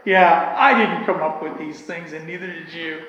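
A man teaches a church Bible class in a slow, earnest, reflective voice that sits high for a man. His words ring out in a large, echoey hall with a long reverb tail. A faint hiss of ambience runs underneath. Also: steady tone, a bit bright, dull audio.

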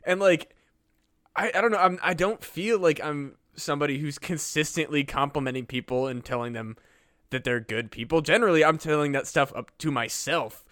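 A man's voice: fairly high pitch, moderate pace, fairly bright tone, no echo, studio quality. A man co-hosting a podcast, chatting casually in a rambling way, with lots of "like" and swearing. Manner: rambling, heavy use of "like" and swearing. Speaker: podcast co-host. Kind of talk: casual chat.

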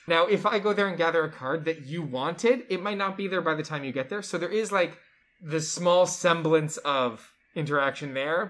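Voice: mid-range voice, a bit bright. Enthusiastic host explaining game rules. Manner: enthusiastic, chatty, lots of fillers like "like". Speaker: board game show co-host.

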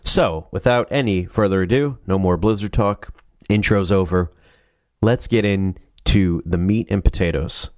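Recorded cleanly in a studio with no echo, a paranormal channel host speaks low and a little slowly as he casually reads ghost stories with sarcastic asides. A sinus cold leaves his voice stuffy and nasal.

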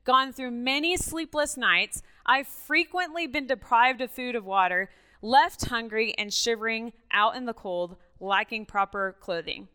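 In an unhurried voice on the high side, clear and resonant, a middle-aged woman from Mexico tells her personal testimony as a church guest speaker. A native Spanish speaker, she stays conversational and animated, regularly checking in with her audience.

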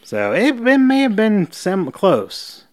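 Smooth-voiced man recapping a TV episode. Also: sits high, wildly swooping pitch, darkish tone. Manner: retells scenes with quick acted quotes. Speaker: podcast co-host. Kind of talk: casual chat recapping a TV episode.

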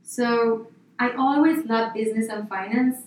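A woman's voice: on the high side, steady tone, measured pace, distant mic, a little hiss or hum. Argentine woman guest in an echoey room. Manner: rambling, casual, many fillers and restarts. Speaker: interior designer, guest. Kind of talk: podcast interview. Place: office.

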